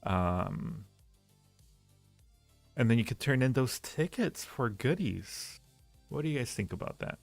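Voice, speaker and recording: This livestream host has a creaky, expressive mid-range voice and takes his time, leaving long pauses. He chats casually with viewers, rating ideas and rambling while repeating phrases. The room echoes, and faint music plays behind him.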